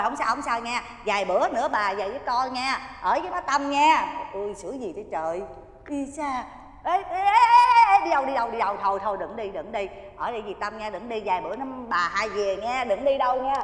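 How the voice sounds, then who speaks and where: A woman's voice: a little high, fairly bright tone. An actress playing a flustered young woman who fusses over and coaxes a baby. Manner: fussing, exclaiming, coaxing the baby. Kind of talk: TV drama acting. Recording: roomy reverb, faint music.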